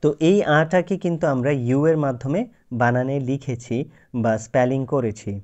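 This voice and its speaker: A man at a middling pitch gives a YouTube lesson on English pronunciation. He explains step by step in a patient, unhurried way and draws out each example word. The recording is slightly dull and lo-fi. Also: darkish tone. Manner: slow, patient explaining with drawn-out example words.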